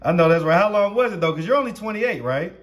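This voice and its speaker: A man's voice: high voice, lively intonation, fast. A man of thirty-nine with a Southern US accent, running a casual street interview with chatty questions and easy laughter. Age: 30s.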